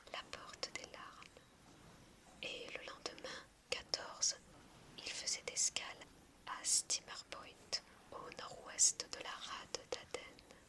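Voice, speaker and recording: Whispering woman reading a bedtime story, unhurried. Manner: quiet, hushed night-time delivery. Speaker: narrator reading a novel aloud.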